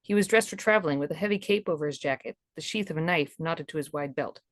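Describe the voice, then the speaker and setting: A woman's voice: low-pitched, fast, dry recording, studio quality. A woman reading scripted narration of a historical romance novel as an audiobook narrator.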